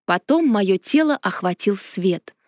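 A woman narrating a fantasy storybook in a lively first-person telling. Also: medium pitch, a little slow, no echo, clean studio sound. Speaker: audiobook narrator.

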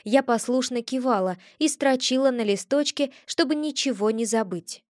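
A woman narrating a fantasy audiobook in first person, with lively, expressive storytelling. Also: on the high side, normal speed, no echo, studio quality. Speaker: audiobook reader.

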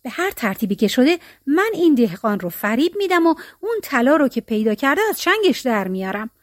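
A woman's voice: sits high, sing-song, no room sound, clean studio sound. A woman playing a greedy, selfish rich landlord. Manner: scheming, eager and commanding.

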